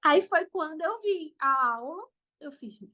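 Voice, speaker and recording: Young woman, mother, interview guest, high voice, bright tone, lively storytelling. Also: unhurried, muffled recording. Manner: lively storytelling, acts out moments. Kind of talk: casual interview talk.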